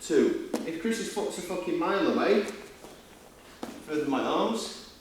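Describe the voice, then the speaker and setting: A man's voice: fairly high pitch, expressive, a little slow. Echoey Yorkshire man coaching grappling. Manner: informal, blokey, step-by-step instructions with checking questions. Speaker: martial arts seminar coach. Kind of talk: hands-on demonstration teaching with casual banter. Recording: echoey room, distant mic, faint noise.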